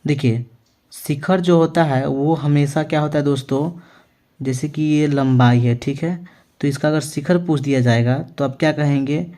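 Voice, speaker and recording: A male maths teacher explaining a lesson to students, asking them questions and answering them himself, often checking in with "okay" as he writes out words slowly. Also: on the high side, fairly even intonation, warm tone. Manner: ends phrases with a reassuring check-in. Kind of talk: classroom-style lesson.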